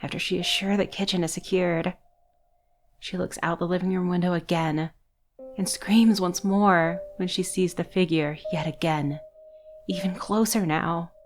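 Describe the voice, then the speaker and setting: A woman narrating a horror story in a measured, scripted storytelling manner. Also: on the low side, fairly even intonation, slight background noise.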